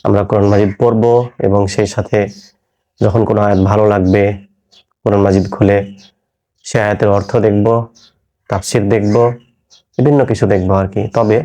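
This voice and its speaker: A man's voice: on the low side, dark tone. A man teaching a Quran reading class, patiently explaining and repeating letter sounds step by step. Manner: patient, step-by-step explaining with drilled pronunciation examples. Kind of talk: recorded online lesson.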